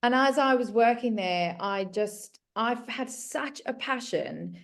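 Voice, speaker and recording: With a slightly high, creaky and animated voice, a South African woman in her thirties speaks slowly. She's a guest home organiser, casually and earnestly describing her work and her story.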